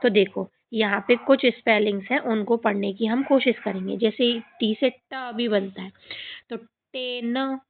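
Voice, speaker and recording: A woman's voice: medium pitch, normal speed, hardly any pauses, a little hiss or hum. A woman teacher giving a reading lesson to children, who patiently repeats each word and keeps asking the kids questions. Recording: tinny phone-like sound.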